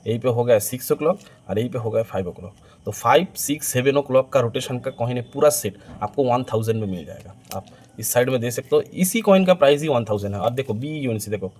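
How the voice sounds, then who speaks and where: A man's voice: mid-range voice, animated, a little fast, a little mellow. A man presenting items for sale in an eager, repetitive teleshopping-style hard sell. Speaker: online coin seller presenting stock. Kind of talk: sales pitch to camera for video viewers. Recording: clearly noisy amateur recording with ambient sound.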